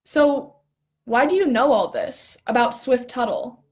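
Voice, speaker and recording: A woman's voice: a little high, lively intonation, unhurried, a little mellow. A young woman acting a playful, curious stargazer in a stage play reading, teasing and eager. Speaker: actor in a rehearsed play reading.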